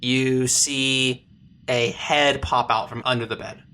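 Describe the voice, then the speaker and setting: A game master narrating a comedic tabletop game, describing scenes in plain detail and pausing now and then to search for words. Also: medium pitch, little pitch movement, pushed and bright, clear, resonant tone.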